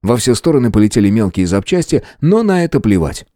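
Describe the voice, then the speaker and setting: A man narrating a first-person audiobook in an expressive, dramatic way. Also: on the low side, quick pace, no echo, studio quality. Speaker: audiobook reader.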